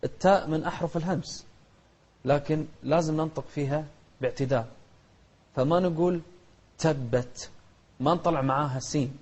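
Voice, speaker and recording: A man teaching Quranic recitation to children, modeling each verse slowly, correcting mistakes and repeating. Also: on the high side, a little mellow. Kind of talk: tajweed lesson with modeled recitation. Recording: dull lo-fi recording.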